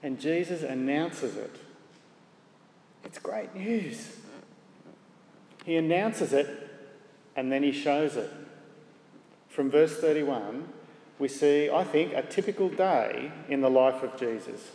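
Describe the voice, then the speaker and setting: A man preaching a sermon in a measured way, asking the congregation rhetorical questions. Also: a little high, dark tone, a little hiss or hum. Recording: echoey hall with faint ambience.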